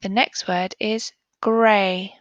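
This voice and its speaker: A woman teaching a phonics lesson to young children, sounding out letters and words slowly and clearly. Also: mid-range voice, steady tone, no echo, lo-fi sound. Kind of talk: primary school phonics lesson.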